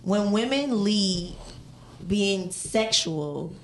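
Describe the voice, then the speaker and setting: A woman co-hosting a casual morning talk show, animated and emphatic. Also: medium pitch, extremely slow. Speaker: co-host. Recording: echoey room with noise.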